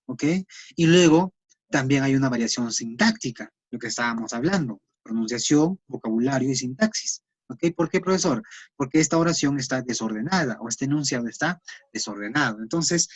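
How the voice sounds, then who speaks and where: A man gives a recorded class lecture in a mid-pitched voice. He explains patiently, pausing on fillers and checking in with tag questions. The sound is dry and close, with no room echo. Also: husky. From Peru. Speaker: teacher.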